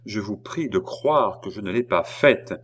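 A man's voice: lowish voice, lively intonation, a little slow, a bit bright. A man voicing a proud, wounded queen, pleading in a heightened voice that rises to cries.

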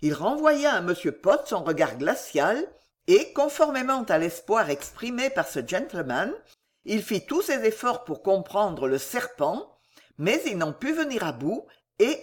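A woman narrating a classic novel as an audiobook, in a measured, expressive storytelling voice. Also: medium pitch. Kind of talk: scripted literary narration.

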